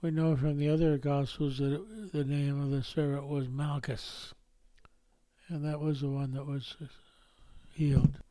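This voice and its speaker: A man's voice: a little high, mellow, dry recording. A man preaching a sermon in a folksy way, often ending points with tag questions. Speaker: pastor.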